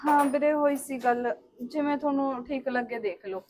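An actress playing a pressured young village woman in a short film, gentle with family and shrill in a quarrel. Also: normal speed, lightly acted. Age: young adult. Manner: soft-spoken with family, shrill and shouting in a quarrel.

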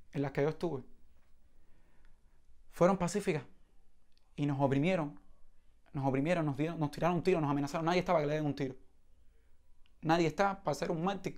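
Cuban man recounting events animatedly. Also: fairly high pitch. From Cuba. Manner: animated storytelling with sound imitations and restarts. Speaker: protest participant giving testimony. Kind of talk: spoken testimony.

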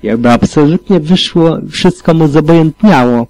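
Mężczyzna narrator czytający audiobook z przejęciem, w pierwszej osobie. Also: male voice, fairly high pitch, normal speed, warm tone, no echo, poor audio. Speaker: audiobook reader. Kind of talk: audiobook narration of fan fiction.

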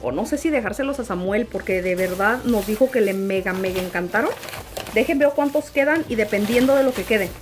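A woman's voice: medium pitch, a little fast, soft background music. A young woman chatting casually in a vlog, mixing in English words now and then, filmed on a handheld phone. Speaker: vlogger. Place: Tucson, Arizona.

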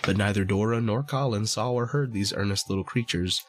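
A man narrates a classic storybook in a measured, even way. His voice sits low and is husky and breathy, with faint music playing underneath. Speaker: podcast host reading a story.

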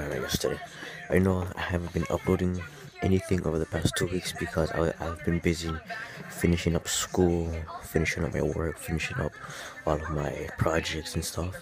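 Man, extremely low voice, halting casual vlog talk, close phone mic. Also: vocal fry. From Hawaii. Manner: casual, halting, many ums and restarts. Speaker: vlogger. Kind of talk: casual chat to camera. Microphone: phone held close to the face.

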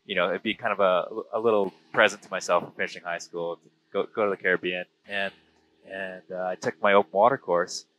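His voice is low-pitched and a bit bright as this thirty-something diver and filmmaker from British Columbia spins casual stories in an interview. He has a western Canadian accent and talks over the close intercom of an aviation headset boom mic in a small plane in flight, on a low-quality recording.

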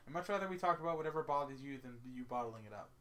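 A man voicing a sweet, cheerful teenage girl in a game, speaking softly and affectionately with a teasing edge. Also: mid-range voice, expressive, very fast, soft background music, lightly acted. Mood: warm.

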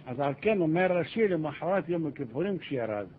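An older man, a rabbi, giving a Torah lecture, telling stories and acting out the dialogue in a raised voice. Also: on the high side. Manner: animated, acts out dialogue in raised voice. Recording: tinny phone-like archive recording with hiss.

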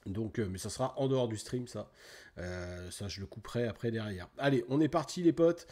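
A middle-aged French man streaming a game, chatting casually with viewers by name and filling pauses with little sound words. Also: on the low side, expressive, a little mellow. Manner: chatty, greets viewers by name, fillers like "tac" and "hop là". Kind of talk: casual let's play chat.

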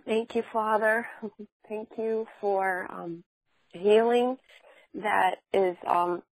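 Slow, halting woman praying softly. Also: mid-range voice, steady tone, low-quality recording. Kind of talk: spontaneous spoken prayer.

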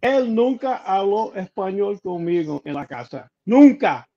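A man talks slowly as an interview guest, his voice a bit high for a man. The sound is dull and lo-fi, as if from a weaker connection. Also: sing-song, warm tone. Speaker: guest musician. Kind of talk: casual interview conversation. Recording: dull lo-fi audio.

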